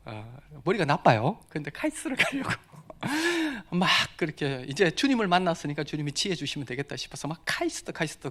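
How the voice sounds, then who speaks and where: A middle-aged man preaching a personal testimony, swinging from quiet murmurs to loud exclamations with frequent laughter. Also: fairly high pitch. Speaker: missionary preacher. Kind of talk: sermon testimony.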